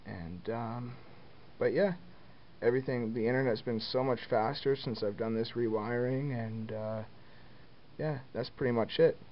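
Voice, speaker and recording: Holding the camera and staying off screen, a mid-range-voiced man slowly films his basement to show his home phone wiring as a hobbyist. His talk is plain and relaxed, peppered with ums and uhs, and the camera mic captures it as dull lo-fi sound with a faint hiss.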